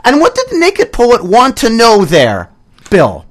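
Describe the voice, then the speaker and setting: A man hosting a college radio show from a studio, firing off eager questions and cutting in. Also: very high voice. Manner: excitable, interrupting, quick questions. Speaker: radio host.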